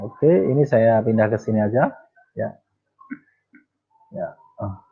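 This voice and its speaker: A man teaching Japanese in a casual lesson. He reads example sentences slowly, then translates and explains them. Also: lowish voice, vocal fry, breathy edge. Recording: tinny phone-like audio.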